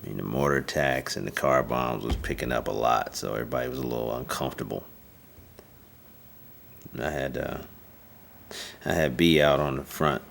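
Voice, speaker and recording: An actor playing a matter-of-fact squad leader describing checkpoint duty. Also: male voice, a bass voice, moderate pace, creaky, pauses often, a bit bright, slight background noise, heavily acted. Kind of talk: dramatic monologue.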